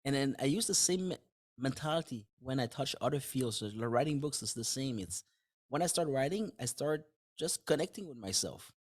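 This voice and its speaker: Talking at a moderate pace in an animated, mid-range voice, this podcast guest—a dentist and author whose first language is French—keeps the interview casual. He thinks out loud in plain words, frequently starting phrases over, with small laughs along the way.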